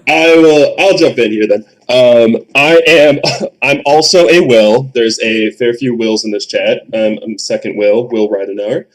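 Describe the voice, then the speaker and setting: A man's voice: mid-range voice, unhurried, low-quality recording. A man who was a game designer, chatting casually on a voice call with laughs and self-deprecating jokes. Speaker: former game designer guest. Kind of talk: casual voice chat.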